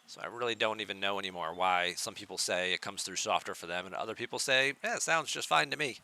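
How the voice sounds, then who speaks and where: Streaming a game from his home setup, a soft-spoken man chats easily and casually with viewers, answering their questions in a relaxed way. His gravelly voice is slightly low in pitch yet sounds very bright and forward, and he talks fast.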